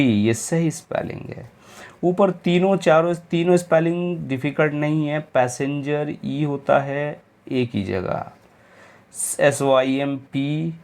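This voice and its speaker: Male teacher, slow and gravelly, spells words out letter by letter in an exam-prep lecture. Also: medium pitch, darkish tone. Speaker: English teacher.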